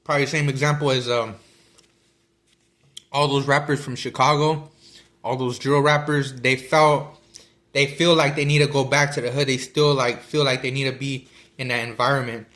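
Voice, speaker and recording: A man's voice: medium pitch, level tone, moderate pace, a bit bright. A man talking casually about a book he is reading, rambling with many fillers and restarts while he eats. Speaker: vlogger discussing a book. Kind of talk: casual chat.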